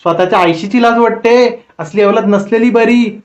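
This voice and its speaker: A man voicing a meddling, preachy woman passenger with a shrill manner. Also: normal speed, a little mellow, lo-fi sound, natural voice. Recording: roomy echo.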